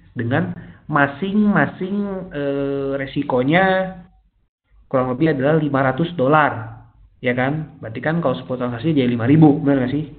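A man presenting a trading webinar, explaining in a casual, chatty way with many fillers. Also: on the high side. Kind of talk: live webinar lecture. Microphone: laptop microphone. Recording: tinny phone-like webinar audio.

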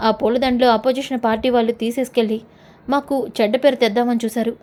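Woman reading a calm politician guy, steady, mellow voice. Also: fairly high pitch, close to an everyday voice. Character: respected male politician, calm and approving.

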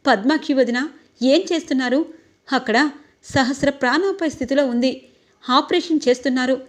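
A woman's voice: high voice, normal speed, close to an everyday voice. A woman voicing a protective older woman relative who speaks reproachfully.

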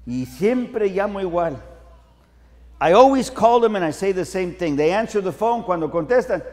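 A man's voice: high voice, lively intonation, unhurried, darkish tone. A middle-aged male pastor giving a humorous bilingual sermon, telling stories in the manner of a preacher. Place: large conference hall. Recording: long hall reverb.

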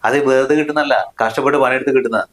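A man's voice: medium pitch, fast talker, fairly bright tone, lightly acted. An actor playing a scornful young husband who snaps at his wife in a family short film. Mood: angry. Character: harsh money-proud young husband.

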